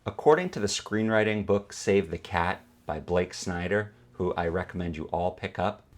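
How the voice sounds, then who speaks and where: Male instructor for tutorial narration, lowish voice, explains clearly and sets up rhetorical questions. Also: moderate pace. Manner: explanatory, poses questions and answers them. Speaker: film editing instructor.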